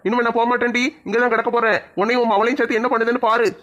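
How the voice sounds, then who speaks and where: A man acting out a drunken loafer of a father from a comedy skit. He rattles on in a high, rapid, same-note voice, bullying and whining by turns. The recording sounds dull and lo-fi. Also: flat delivery, bright, forceful tone. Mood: blustering. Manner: blustering, mock-pleading, slurred drunk swagger.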